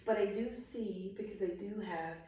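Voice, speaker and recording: A woman, a guest in a casual interview, warm and laughing often. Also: mid-range voice, normal speed. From Albany, Georgia, US. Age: 50s. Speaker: interview guest, insurance adjuster. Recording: echoey room, distant from mic.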